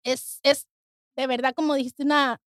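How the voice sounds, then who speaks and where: A woman giving an emotional personal testimony, earnest and halting, often restarting her words. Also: sits high, level tone, no echo, clean studio sound. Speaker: guest sharing testimony.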